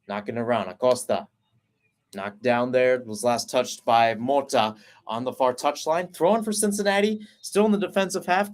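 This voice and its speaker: A play-by-play commentator with a plain, middle-pitched male voice calls a live soccer match from the mic. He moves quickly and steadily through each pass, his pitch and energy rising whenever a chance opens up.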